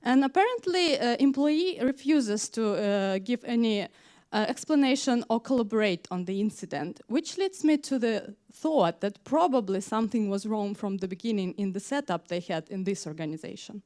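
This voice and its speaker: A woman's voice: medium pitch, expressive, normal speed, a little mellow. A woman from Ukraine giving a conference talk, speaking with many hesitations and frequent fillers. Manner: hesitant, frequent "uh" fillers, non-native grammar. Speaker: conference speaker, tech manager. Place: conference hall.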